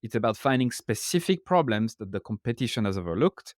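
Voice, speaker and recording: In clean studio sound with no echo, a French man with a French accent chats as an author on a podcast, explaining ideas casually in English, not his first language, and often asking "right?". His mid-range voice is very animated and fairly quick.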